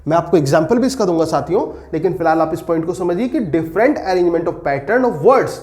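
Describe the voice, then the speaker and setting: A man teaching English pedagogy for teacher exams, posing questions to his students and slowing down to dictate definitions. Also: a little high, lively intonation, darkish tone. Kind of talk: exam-prep lecture.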